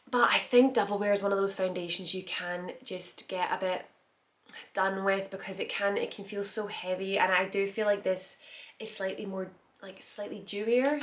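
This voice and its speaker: A woman in her thirties talks her viewers through her makeup routine at home, in a casual get-ready-with-me chat. She rambles easily, restarting sentences and slipping in soft laughs as she goes. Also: mid-range voice. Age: 30s. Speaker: beauty vlogger.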